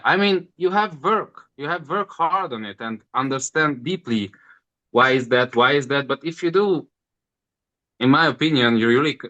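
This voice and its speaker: Man, 30s, bright voice, halting second-language English. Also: mid-range voice. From Hungary. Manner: halting non-native English, repeats words. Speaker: interview guest. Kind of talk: casual interview answers.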